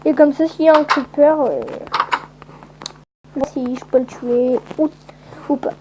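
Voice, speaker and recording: A woman's voice: high voice, fairly even intonation, unhurried, background noise. A woman giving casual, rambling let's-play commentary with lots of hesitant fillers. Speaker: gameplay commentator.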